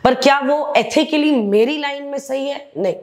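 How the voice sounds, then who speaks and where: A woman's voice: high-pitched, unhurried. A woman speaking bluntly and animatedly as an interview guest, often slipping into English phrases. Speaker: interview guest, reality show contestant. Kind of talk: candid interview chat.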